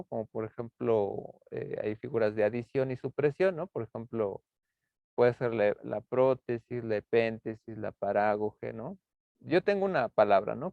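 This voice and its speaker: Male lecturer, gravelly, hesitant and filler-heavy, dry tinny call audio. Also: mid-range voice, dry recording. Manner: halting, many fillers and tag questions. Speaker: university lecturer. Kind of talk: lecture explaining rhetorical figures. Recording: tinny phone-like online class audio.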